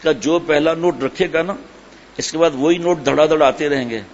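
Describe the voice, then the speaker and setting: A man preaching a sermon, telling stories with animated, indignant rhetorical questions. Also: a little high, a little hiss or hum. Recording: slightly dull lo-fi sermon recording.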